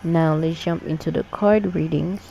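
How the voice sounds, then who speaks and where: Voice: mid-range voice, gravelly, low-quality recording. A tarot reader giving a casual monthly reading straight to the audience, talking loosely and repeating phrases, with frequent "you know" and "okay?". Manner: relaxed, unhurried, repeats key phrases.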